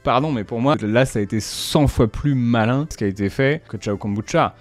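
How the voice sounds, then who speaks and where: A man's voice: medium pitch, brisk, soft background music. A man giving casual, slangy commentary with punchy asides, breaking down a brand's marketing. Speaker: YouTuber analysing brand marketing.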